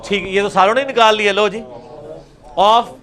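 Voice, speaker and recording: Man, high voice, recitation teacher, repeats sounds, video call. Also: steady tone. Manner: demonstrates sounds by repeating them slowly and loudly. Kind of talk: online class teaching.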